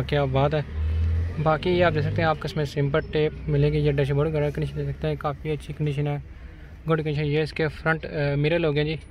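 A young used car dealer from Pakistan-administered Kashmir vlogs a walkaround of a used van for sale outdoors, his voice on the high side. He talks straight to viewers in brisk salesman patter while holding the phone camera at arm's length. The outdoor phone recording is noisy.

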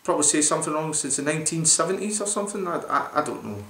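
Racing along in a fairly high, expressive and slightly bright voice, a man in his forties records a casual beer review vlog. He rambles with enthusiasm and plenty of fillers, filming to camera in a small room with an echoey, roomy home sound.

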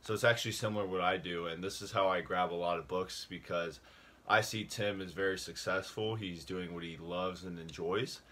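Man, young adult, very low pitch, casual talk, rambling delivery, slightly breathless. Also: steady tone, a little fast, sharp tone. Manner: rambling, with filler words and restarts. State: a little out of breath. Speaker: book review vlogger.

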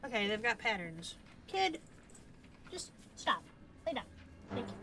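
A woman's voice: a little high, very animated, unhurried, sharp tone. A woman streaming a horror game, talking to the screen in a jittery way and yelping and repeating words in panic. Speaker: gaming streamer. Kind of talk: horror gameplay commentary.

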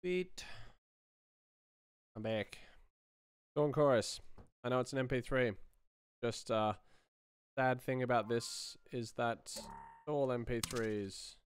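In a small indoor room, a man in his thirties mutters laid-back livestream commentary into a close studio mic while he works as a sound designer. His mid-range voice moves slowly with long pauses, and it sounds smooth against a dry recording.

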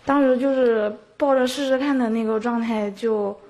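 Higher-pitched creaky young woman. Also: fairly even intonation, moderate pace, darkish tone, low-quality recording. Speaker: interviewee, scam victim. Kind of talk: casual interview account. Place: indoor room. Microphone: handheld interview mic.

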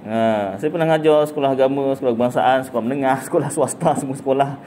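A man's voice: mid-range voice, quick pace, warm tone, a little hiss or hum. Chatty Malaysian religious teacher, man. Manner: chatty, jokey, asks and answers own questions. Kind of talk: casual religious talk.

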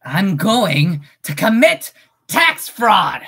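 Woman putting on a cartoon rabbit guy, cheeky, grudging, slow drawn-out words, bright husky tone. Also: mid-range voice, sing-song, heavily acted. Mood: deadpan. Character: cheeky old-time cartoon rabbit man, holding a grudge. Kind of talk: voice impression on a livestream.

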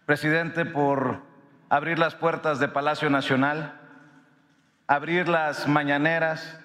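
Man in his fifties, earnest formal address, pitched a touch high, long hall reverb. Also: a bit bright. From Sonora, Mexico. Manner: earnest and grateful, emphatic with drawn-out pauses. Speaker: independent media director giving a speech. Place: large ornate hall in a palace. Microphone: podium microphone.

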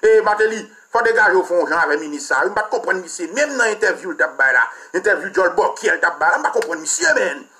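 A man's voice: high-pitched, expressive, fast talker, hardly any pauses, bright, forceful tone. A man with a Haitian accent, a political commentator delivering a heated, mocking and crude rant.

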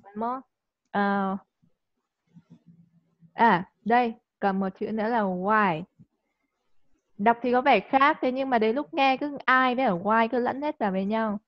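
A woman teaching English in a live online class. She coaxes the student and checks understanding with quick tag questions. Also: on the high side, no room sound. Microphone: video call. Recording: dull lo-fi call audio.

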